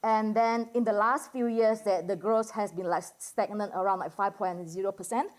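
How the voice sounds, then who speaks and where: An Indonesian woman from Medan, speaking with an Indonesian accent, serves as an academic discussant at a conference, giving an informal talk to a general audience. Her delivery is conversational and halting, full of "like" and "you know." Her voice sits at medium pitch with fairly even intonation and a darkish tone.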